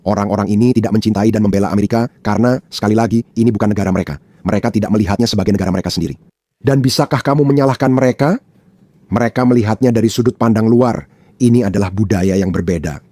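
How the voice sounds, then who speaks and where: A man from Pakistan delivers pointed commentary in a mellow, relaxed tone. He stresses his points by repeating them, and the dry recording has no room sound. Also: on the low side, rapid-fire, no room sound. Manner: emphatic, repeats points for effect. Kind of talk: opinionated commentary.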